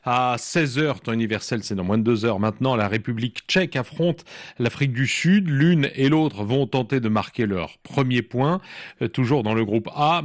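A male radio news anchor with a mid-range voice, reading items in a measured delivery with the occasional hesitant filler. The sound is close and dry, with no room around it. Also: mid-range voice, no echo.

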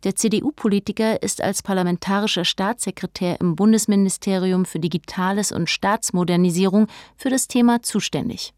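This is a woman's documentary narration: measured and informative, in a darkish, middle-range voice. The recording is close and dry, with no sound of the room.

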